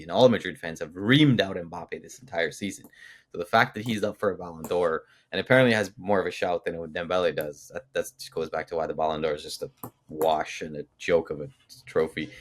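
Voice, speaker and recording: Young man, very deep voice, football podcast co-host, casual rambling chat, emphatic, many fillers. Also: a bit bright.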